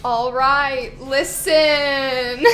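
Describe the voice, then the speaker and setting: A young woman chatting playfully and laughing between words. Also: sits high. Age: young adult. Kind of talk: casual chat. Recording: echoey room with music behind.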